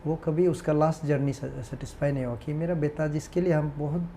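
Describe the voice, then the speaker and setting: A man's voice: a little high, fairly even intonation, a little fast, warm tone, slight background noise. A man, a guest on a talk show, telling a personal story in an earnest, hesitant, reflective way.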